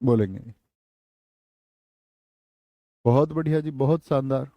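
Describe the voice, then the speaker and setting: A male Hindi teacher with a North Indian accent, teaching an online exam-prep class. He repeats each phrase slowly for students to note down and slips into casual asides to them. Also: medium pitch, mellow, no echo. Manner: slow, repeats phrases for dictation.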